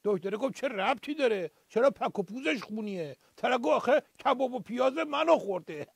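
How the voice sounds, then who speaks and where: Gravelly pompous man telling folksy jokes. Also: very high-pitched, expressive, no room sound. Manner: pompous, folksy storyteller with sayings. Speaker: comic "doctor" character answering questions. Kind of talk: political satire radio sketch.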